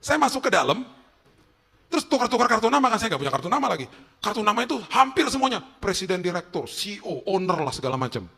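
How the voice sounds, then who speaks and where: A man, a pastor preaching in a lively, joking storytelling way full of casual slang. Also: high voice, quick pace, creaky, slightly rough. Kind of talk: humorous storytelling sermon.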